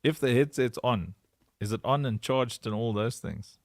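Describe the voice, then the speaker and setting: A playful man hosts a casual livestream, his voice gravelly with fry. He chatters in a sing-song way and laughs often, recorded dry and close on a computer mic. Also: medium pitch, moderate pace, dry recording. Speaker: livestream host.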